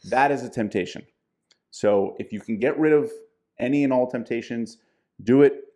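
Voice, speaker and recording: A man's voice: medium pitch, moderate pace, a little mellow. A man co-hosting a casual diet podcast, giving plain-spoken practical advice. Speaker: podcast co-host, diet coach.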